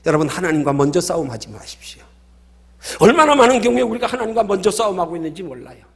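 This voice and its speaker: A man's voice: sits high, very animated, fast, vocal fry, fairly bright tone. A male pastor preaching a sermon, emphatic and full of stories.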